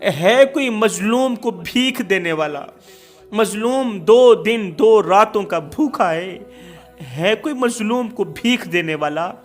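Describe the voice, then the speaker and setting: A man's voice: sits high, animated, faint music behind. A man voicing a maimed remorseful son. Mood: begging. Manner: pleading, mournful.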